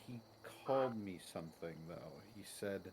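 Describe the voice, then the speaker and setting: A man's voice: sits low, expressive, normal speed, darkish tone, a little hiss or hum. A man playing his character in a tabletop game, talking in a hesitant, musing way and often restarting. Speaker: player. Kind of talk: in-character tabletop role-play.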